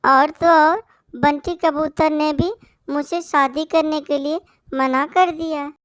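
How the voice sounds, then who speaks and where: A woman's voice: high-pitched, steady tone, slow pace, a bit bright, no room sound, clean studio sound. Woman voicing a tearful little sparrow girl. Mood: sorrowful. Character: sad young female sparrow, sweet-natured. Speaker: voice actor for a cartoon story.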